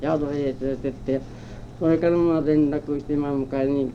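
An elderly man from Japan telling his life story as an oral history interviewee, in a rambling, halting way with old-fashioned rustic speech. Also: on the high side, steady tone. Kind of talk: reminiscing in a personal narrative. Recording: muffled, dull old tape with faint hiss. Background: faint background noise.

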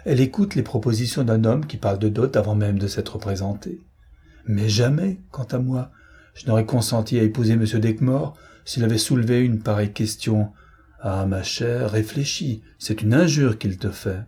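A man reading a storybook, voicing a vain, languid young rich woman in an affected, weary, condescending manner with a husky voice. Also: on the low side, normal speed, warm tone.

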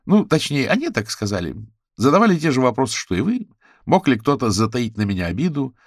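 A man's voice: mid-range voice, very animated, fairly quick, dry recording, studio quality, voice pushed up. A man voicing a flamboyant, chatty rich socialite woman in an audiobook, in a gushing, theatrical way. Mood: gossipy.

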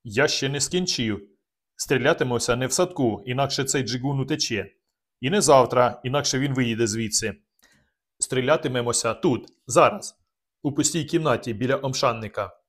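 A spiteful, drunken nobleman hisses his words with cold venom, as a male audiobook reader puts him on. The voice sits at a middle pitch, and he sounds sneering and hard. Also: normal speed, natural voice. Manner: hissing, venomous.

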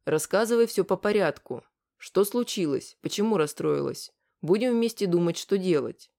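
A woman narrator plays a composed young man who speaks calmly and firmly, with a gentle teasing tone. The reading stays in her own lowish voice, as in a storybook. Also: normal speed, creaky. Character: calm, kind young man, steady and firm.

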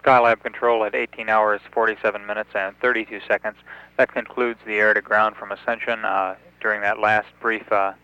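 A slightly dull radio-style feed carries a man's bright, crisp voice with very flat intonation. He is a mission control announcer giving procedural, at times halting status commentary. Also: on the low side.

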